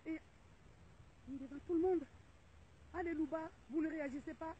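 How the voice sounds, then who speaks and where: A middle-aged woman vlogger with a high, mellow voice speaks at a normal pace, making an indignant appeal to her viewers and repeating her rallying calls over and over. The audio is tinny, like a phone, with faint noise.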